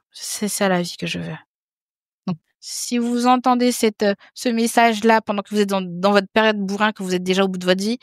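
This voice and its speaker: A woman's voice: mid-range voice, no room sound. Woman in her thirties, podcast guest, casual frank chat, repeats herself, dry close mic. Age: 30s. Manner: frank, chatty, repeats words and restarts. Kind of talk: casual conversation.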